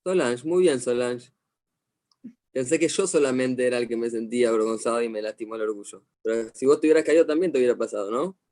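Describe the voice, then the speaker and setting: A middle-aged man with an Argentine accent, a psychologist teaching a class over a video call, telling stories in a lively way and asking questions. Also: medium pitch, quick pace. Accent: Argentine Spanish. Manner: animated storyteller, asks the class questions. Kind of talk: online lecture to a class.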